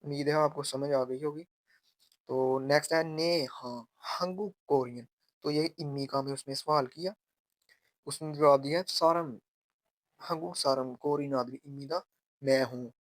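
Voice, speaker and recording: A man teaching grammar step by step, repeating and slowly drawing out example phrases. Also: on the high side, no room sound. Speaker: language teacher.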